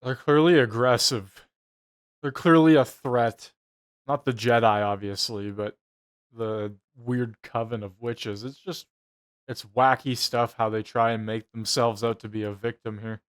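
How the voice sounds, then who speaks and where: A man's voice: mid-range voice, fairly even intonation, a little slow. Incredulous, swearing man reacting to a show. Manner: profane, incredulous. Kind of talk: casual mocking reaction commentary.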